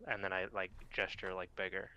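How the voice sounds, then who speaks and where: A man's voice: deep voice, flat delivery, a little fast, pushed and bright, clean tone, low-quality recording. A young man playing a tabletop game, describing his character's actions with giggles. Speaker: player. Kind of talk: casual tabletop game chat.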